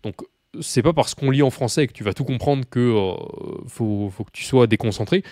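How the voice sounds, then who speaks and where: A man giving a relaxed online language lesson, talking to the viewer informally and stumbling over fillers as he goes. His voice sits at an ordinary middle pitch. The recording is close and dry, with almost no room sound. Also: no room sound. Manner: chatty, many fillers and restarts, addresses viewer informally; reads slowly and clearly for repetition. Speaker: Russian language teacher. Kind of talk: casual spoken lesson.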